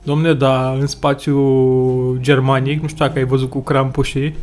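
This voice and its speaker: A man's voice: mid-range voice, level tone, darkish tone. A man chatting casually as a podcast co-host, dropping dry, witty asides. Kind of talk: casual chat.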